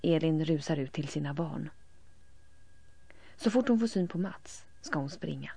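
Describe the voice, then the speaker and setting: A woman narrating a story calmly, often trailing into soft whispers at the ends of lines. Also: low-pitched, vocal fry, slightly rough. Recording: dull lo-fi recording.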